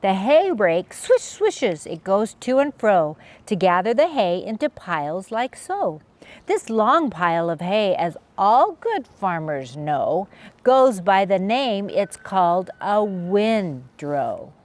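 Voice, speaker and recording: Reading stories for children as her channel's host, this woman takes her time, her voice rising and falling playfully in a sing-song way. She delivers rhymes expressively and adds fun sound effects.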